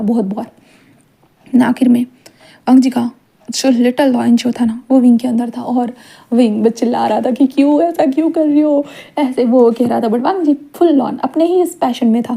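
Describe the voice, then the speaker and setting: A woman's voice: a little high, gravelly, warm tone. A woman casually narrating a fan-fiction story in a chatty way, with filler asides.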